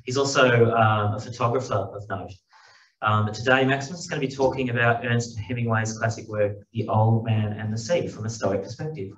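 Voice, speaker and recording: A man's voice: medium pitch, steady tone, a little fast, fairly bright tone. A man moderating a conference panel, introducing the next speaker. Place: conference hall. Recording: echoey hall, distant mic, dull sound.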